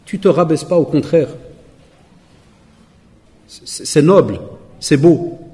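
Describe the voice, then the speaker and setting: Animated Belgian man preaching in echoey hall. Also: on the high side, slow pace. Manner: animated storytelling, acting out neighbors' lines, joking with the crowd. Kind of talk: sermon to a live audience.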